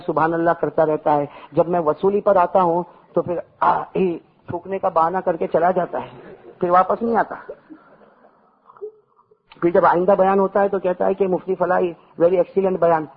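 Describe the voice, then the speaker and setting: A male preacher with a high, husky voice addresses a mosque congregation in sermon style. He shifts between chanted recitation and easy, joking asides to his listeners. The recording sounds muffled and lo-fi. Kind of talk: sermon with humorous story. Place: mosque gathering. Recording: dull lo-fi recording.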